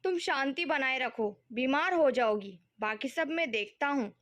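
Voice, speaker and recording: A soft, soothing voice of a patient middle-aged man caring for his mother, as a woman reading the story puts him on. He speaks tenderly and calmly, in a high register, as part of a storybook reading. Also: a little slow, highs cut off. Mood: calming. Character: gentle middle-aged son and husband, patient.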